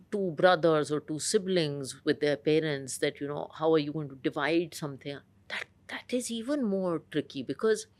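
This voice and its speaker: A woman with a polished, educated Indian accent, speaking articulately in a conversational interview. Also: lowish voice. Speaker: interview guest.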